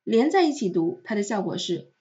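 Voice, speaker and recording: A woman's voice: mid-range voice, very animated, warm tone. Patient woman teaching French, slightly muffled. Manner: explains patiently, repeats example words slowly. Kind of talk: recorded language lesson.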